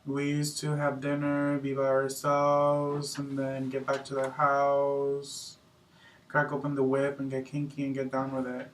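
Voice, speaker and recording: An actor playing a blunt, dismissive husband in a marriage-counseling role-play, hesitating with fillers. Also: male voice, mid-range voice, completely flat delivery, unhurried, lightly acted. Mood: wistful. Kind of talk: amateur improvised role-play. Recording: roomy, distant mic, faint background noise.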